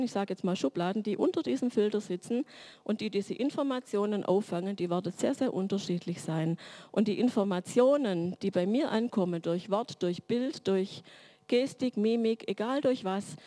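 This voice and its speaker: A woman's voice: medium pitch, dark tone. A middle-aged woman giving a sermon-like teaching talk in a reflective way, building her points through long spoken lists. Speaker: church speaker.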